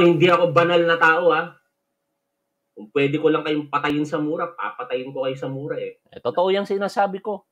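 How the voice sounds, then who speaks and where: A Filipino man delivers a ranting vlog commentary, talking straight back at the people criticizing him. His voice sits a little high for a man, and he scolds and mocks in a combative way. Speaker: vlogger answering critics.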